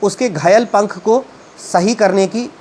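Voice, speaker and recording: Reading English lines at a slow pace, this man teaches a story, then goes back to retell and explain it in a halting way, full of fillers. He has a high-pitched voice with a darkish tone, and a little hiss or hum can be heard.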